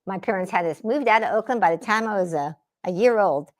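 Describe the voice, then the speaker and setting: A spiritual artist from the San Francisco Bay Area talks with a mid-range voice, a little fast, while livestreaming from her home art studio beneath daylight lamps. She paints and chats casually, meandering between the work and viewer comments.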